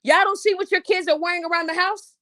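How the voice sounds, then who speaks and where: A woman's voice: very high voice, steady tone, quick pace, fairly bright tone, no room sound, clean studio sound. A woman hosting a podcast, ranting bluntly and angrily with heavy profanity and emphatic stresses. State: upset. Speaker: podcast host. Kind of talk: angry opinion rant.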